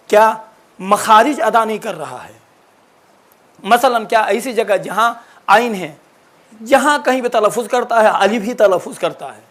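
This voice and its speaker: A man's voice: high voice, a bit bright. A man teaching the rules of Quran recitation, answering a student's question and explaining with repeated examples. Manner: explanatory, repeats and corrects himself. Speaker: religious teacher.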